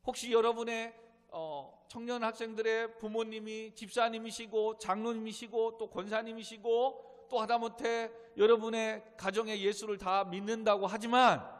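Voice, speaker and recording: A middle-aged man preaching from the pulpit with a notably high voice. He presses his points hard and often climbs to loud, urgent exhortation. His words ring out with a long reverb through a church sanctuary. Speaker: pastor. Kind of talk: sermon.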